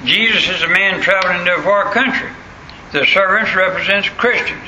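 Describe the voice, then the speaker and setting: Preaching in a folksy, plain manner and repeating phrases to drive points home, this older rural Southern man has an old country voice that is high-pitched, pushed, and bright at a moderate pace. The audio is dull, echoey, with faint background noise.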